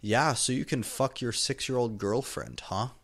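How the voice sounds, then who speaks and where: A man's voice: medium pitch, normal speed, vocal fry, a bit bright. A man voicing a melodramatic, foul-mouthed, angry teenage goth girl in a comic fan fiction reading, overwrought and indignant. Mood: angry, sarcastic.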